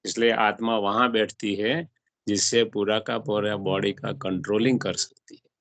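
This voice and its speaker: Gravelly and fairly bright, his fairly low voice stays level and measured, with no echo in the recording. He is a spiritual teacher explaining a religious text to a small group, frequently questioning his listeners and blending in English words.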